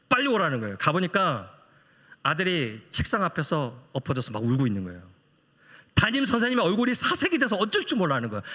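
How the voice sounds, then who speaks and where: Lively middle-aged preacher in echoing church. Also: male voice, on the high side. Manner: animated storytelling, acting out quoted voices. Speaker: missionary preacher. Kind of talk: storytelling sermon. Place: church sanctuary. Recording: long church hall reverb.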